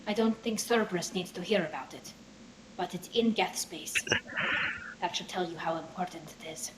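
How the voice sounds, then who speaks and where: A woman's voice: lowish voice, moderate pace, background noise, lightly acted. A woman voicing a firm, protective young female alien in a video game, speaking earnestly. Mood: guarded, resolute. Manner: earnest, resolute.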